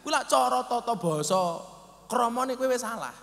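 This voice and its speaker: A middle-aged man with a Javanese accent preaching a humorous sermon, telling stories with jokes and loud exclamations. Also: extremely high pitch, animated, moderate pace, gravelly. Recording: long hall reverb.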